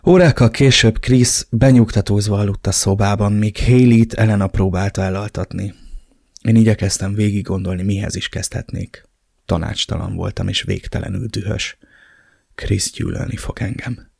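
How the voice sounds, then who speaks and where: Gravelly-voiced male audiobook narrator. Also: lowish voice, steady tone, darkish tone, no echo, studio quality. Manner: dramatic, emotional reading. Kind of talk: first-person novel narration.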